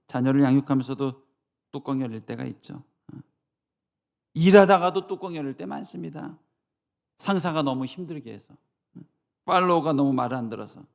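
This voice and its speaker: Man, pastor, church sermon, gravelly voice, emphatic delivery, rhetorical asides. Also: medium pitch, animated, a little fast, long pauses.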